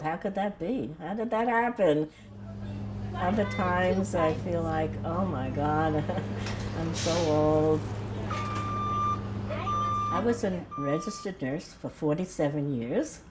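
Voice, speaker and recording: Speaking in a deep voice over background noise, an elderly woman in her 80s from Brooklyn, New York, gives a documentary interview at her home. A retired nurse who now runs a death cafe, she comes across as frank, plain-spoken and reflective.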